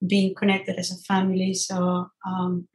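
Colombian woman, 30s, Spanish native, interview guest; quick and earnest, echoey room. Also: lowish voice, monotone, darkish tone. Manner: quick, earnest, with frequent restarts. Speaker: guest, chess grandmaster. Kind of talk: casual interview talk. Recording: roomy echo.

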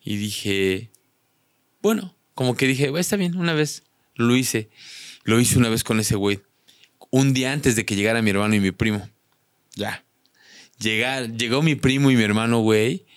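Animated Mexican man telling a story. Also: fairly low pitch, normal speed, pauses often, smooth, no room sound, studio quality. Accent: Mexican Spanish. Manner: animated, slangy, acts out quoted voices. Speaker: podcast guest. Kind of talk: casual storytelling.

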